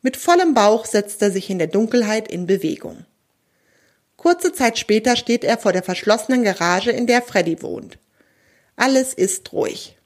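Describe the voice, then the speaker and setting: A woman reads a children's story aloud, calm and clear in her narration. Her voice sits a little high. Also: moderate pace.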